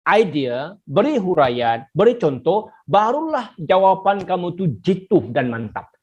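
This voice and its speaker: A teacher giving an online exam-prep lesson, repeating key points and talking straight to the pupils. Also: medium pitch. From Sabah, Malaysia. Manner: repetitive, coaxing, addresses pupils directly. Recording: slightly muffled recording.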